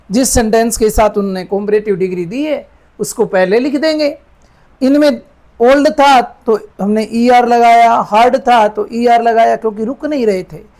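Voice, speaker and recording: A man teaching an English grammar lesson, patiently dictating words slowly and checking that his students follow. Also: very high voice, darkish tone. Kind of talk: Hindi-medium grammar lesson.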